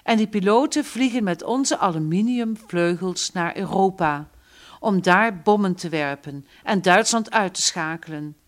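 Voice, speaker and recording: A woman's voice: mid-range voice, a little slow, close to an everyday voice. Woman reading as a boastful young brother. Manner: boastful, dropping to a whisper. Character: boastful young man dreaming of independence.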